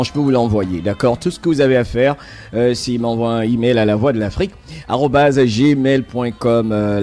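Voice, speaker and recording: A man's voice: mid-range voice, darkish tone. A man hosting a radio talk show, speaking hesitantly with many fillers and repeated words.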